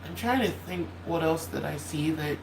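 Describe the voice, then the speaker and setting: A YouTuber with vocal fry and a nasal, slightly cracking mid-range voice chats casually at normal speed on a holiday livestream. They keep losing track, apologizing, and starting over. The recording comes from a room at home, echoey and faintly humming from a loud space heater.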